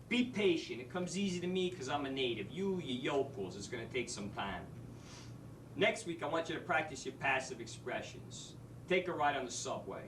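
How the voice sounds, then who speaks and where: An actor playing a brash, wisecracking New street-smarts teacher in a stage monologue. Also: male voice, fairly high pitch, noisy background, lightly acted. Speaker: actor in a drama school showcase monologue. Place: theater stage. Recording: echoey stage from a distant mic.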